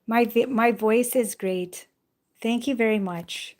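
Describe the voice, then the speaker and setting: Holding her phone, a young woman from Jamaica runs a relaxed live stream, reading viewer comments and wandering through topics with lots of "like" and "you know." She speaks slowly in a higher, slightly mellow voice.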